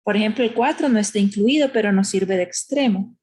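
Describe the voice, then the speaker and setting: Female math teacher, husky voice, patient, explanatory classroom delivery. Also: medium pitch, fairly quick, darkish tone. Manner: patient, explanatory, uses diminutives, asks "¿verdad?". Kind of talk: recorded math lesson.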